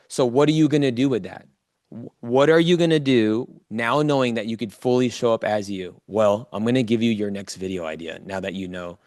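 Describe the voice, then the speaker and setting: With a lowish, darkish-toned voice, a man coaches a live online audience through a motivational talk. He keeps it informal, speaks directly to listeners, and repeats important phrases to stress them; the studio sound is clean with no room sound.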